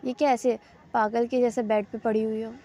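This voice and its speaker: A woman voicing a caring middle-aged mother who gently lectures her grown daughter in a soft, motherly way. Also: a little high, flat delivery, moderate pace, close to an everyday voice. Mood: scolding.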